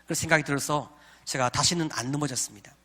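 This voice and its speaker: A man's voice: high voice, brisk, big-room sound. A middle-aged man, a professor, giving a lecture on marriage and telling a personal story, acting out his own thoughts as he goes. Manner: animated storyteller, acts out inner thoughts.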